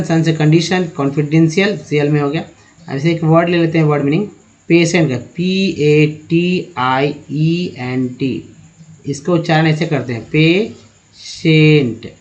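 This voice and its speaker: A man teaching an English pronunciation lesson, slowly spelling words letter by letter and addressing viewers as friends. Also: on the high side. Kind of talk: spoken language lesson. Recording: dull lo-fi recording.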